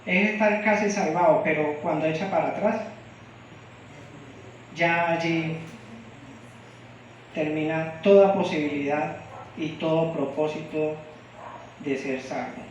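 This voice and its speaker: Slow-preaching man in an echoey church. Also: fairly high pitch, a little hiss or hum. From Venezuela. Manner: asks the congregation frequent questions. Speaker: lay preacher. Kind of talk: sermon. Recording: echoey room, distant mic, dull sound.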